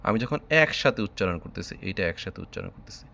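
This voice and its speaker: A man's voice: on the low side, animated, fast, vocal fry, pushed and bright. A man from Bangladesh teaching a math lesson online, patiently spelling out number words letter by letter.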